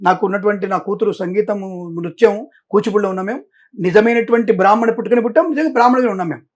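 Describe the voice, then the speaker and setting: A middle-aged man speaks very fast in a high-pitched voice, answering interview questions as a Vedic astrologer. He's emphatic and insistent, stresses himself again and again, and slips English phrases into his sentences.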